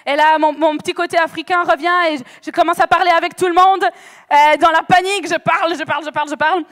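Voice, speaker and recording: A woman preacher telling a lively testimony sermon, chatty and animated, acting out dialogue with bursts of laughter, on a stage microphone in a church hall. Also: extremely high pitch, fast talker. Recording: long echo of a church hall.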